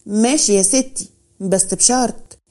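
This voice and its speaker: Woman reading young lover, teasing, doting, mellow tone. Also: on the high side, fast talker, lightly acted. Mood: loving. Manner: teasing, affectionate, mock-boastful. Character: proud, tender young Upper Egyptian man.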